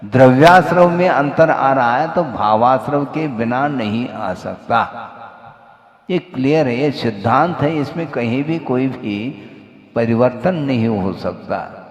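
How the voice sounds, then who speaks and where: A man, a monk, giving a slow teacherly sermon that he keeps checking with short questions to the listeners. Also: mid-range voice. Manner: slow, questioning, teacherly, stresses points with "hm?" and "haan". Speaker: Jain monk preacher. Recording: echoey hall, long reverb.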